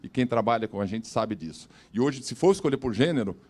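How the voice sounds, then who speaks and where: A man at a corporate panel who speaks fast and in a direct, emphatic way. His voice is mid-pitched, and he makes his points firmly as a business leader. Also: animated, a little mellow.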